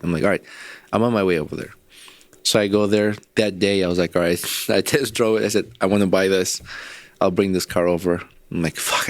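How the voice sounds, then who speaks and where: A man's voice: low voice, no room sound. A man co-hosting a casual podcast, telling a long story with profanity and frequent laughs. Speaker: podcast co-host.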